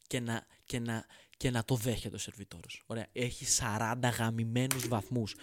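Exasperated male comic ranting sarcastically, swearing freely; mid-pitched voice, dry close sound. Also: no echo. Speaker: comedian ranting to camera. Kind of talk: comedic rant.

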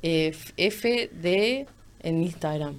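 A woman with a Uruguayan accent chatting casually as a guest, animated and emphatic as she tells stories. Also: lowish voice, slow, clear, resonant tone. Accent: Uruguayan Spanish. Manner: animated, laughing, emphatic storytelling. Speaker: guest, astrologer and powerlifter. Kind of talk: casual conversation.

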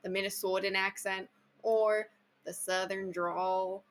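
A woman's voice: medium pitch, level tone, measured pace, slight background noise. A woman hosting a casual book chat, enthusiastic and chatty, full of filler words. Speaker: podcast host.

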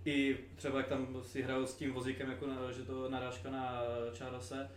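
A man's voice: mid-range voice, completely flat delivery. A man co-hosting a casual podcast chat, rambling enthusiastically with many fillers. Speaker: podcast co-host. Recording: roomy, distant mic with faint noise.

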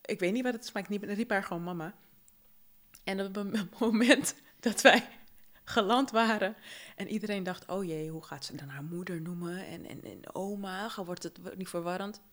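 A young woman from Suriname, co-hosting a podcast and telling lively stories about her childhood, often laughing and acting out the voices of people she quotes. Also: on the low side, fairly quick. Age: young adult. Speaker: podcast co-host. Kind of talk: casual chat.

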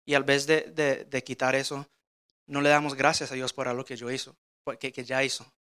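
Male guest preacher, bright tense voice, halting, repeats and restarts phrases as he speaks. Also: medium pitch, little pitch movement, clear, resonant tone. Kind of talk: personal testimony sermon.

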